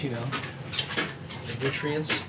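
A man's voice: mid-range voice, fairly even intonation, slow, very noisy. A young man in his twenties bantering playfully with friends by a lake. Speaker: friend on the trip. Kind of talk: casual banter. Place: lakeside dock outdoors. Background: loud background music.

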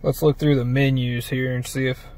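A man's voice: mid-range voice, flat delivery, normal speed, darkish tone. A man casually showing off a truck part he had installed, rambling in a folksy way with fillers, filming on a handheld phone from inside the truck and outside by a trailer. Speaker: vlogger reviewing truck accessories. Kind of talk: casual walkthrough vlog.

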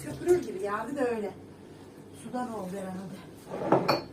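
A woman's voice: a little high, animated, moderate pace. A middle-aged woman chatting casually to her viewers at home, rambling along with frequent fillers. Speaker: vlogger. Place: home kitchen. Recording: echoey room, distant mic, background noise.

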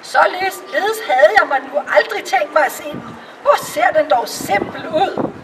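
A woman voicing a pompous male court cavalier in a storybook reading, formal and a little lower. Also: recorded from a distance, background noise, natural voice.

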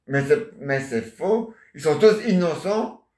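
Slow rambling man in an echoey room. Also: a little high, expressive, a little mellow. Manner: chatty, answers imagined listeners, constant "hein?" and "ah ouais". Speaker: amateur solo stage performer. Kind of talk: rambling improvised comic monologue.

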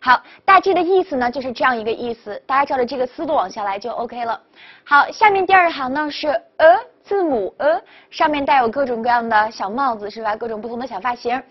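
A woman teaching French pronunciation in a video lesson, upbeat and quick to praise, repeating each model word. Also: high voice. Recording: dull lo-fi recording.

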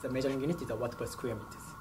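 Speaking rapid-fire at a medium pitch and in a steady tone, this young product specialist, a native Japanese speaker, gives brief, measured answers to interview questions. The setting is an indoor company lab, and background lab noise can be heard.

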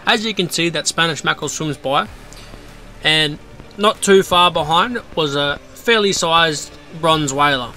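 A man, narrating his spearfishing outing in a relaxed, explanatory voice-over. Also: fairly high pitch, measured pace, faint music behind, rough recording. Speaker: vlog host narrating.

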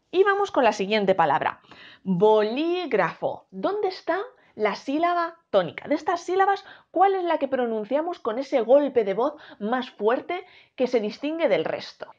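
Woman teaching grammar, drawing out syllables, bit muffled audio. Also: sits high. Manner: clear, drawn-out syllables for teaching. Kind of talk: explaining a Spanish grammar lesson. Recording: dull lo-fi sound.

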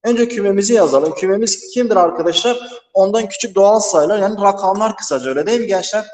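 Fast and high, with a darkish tone, a man's voice fills an empty classroom as he teaches math on his own. He lays out each step patiently and keeps asking "right, friends?", his words bouncing back in the strong echo of the big, bare room.

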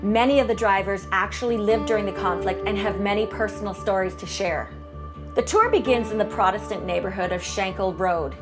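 A woman's voice: medium pitch, a little fast. A middle-aged woman hosting a travel vlog, narrating the sights in an upbeat, descriptive way. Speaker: travel vlogger host. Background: background music.

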